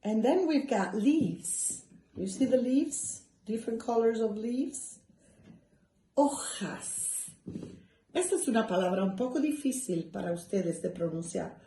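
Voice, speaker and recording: A woman teaching a bilingual children's lesson, drawing words out slowly for little ones to repeat, with playful gasps of surprise. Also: on the high side, animated, echoey room, a little hiss or hum, rough recording. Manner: slow, gently drawn-out words for children to repeat.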